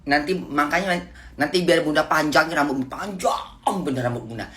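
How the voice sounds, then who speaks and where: A woman's voice: low voice, moderate pace. Giggly middle-aged woman telling a story. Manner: playful, giggly, drifting into soft whiny baby talk. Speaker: vlogger. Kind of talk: casual storytelling vlog.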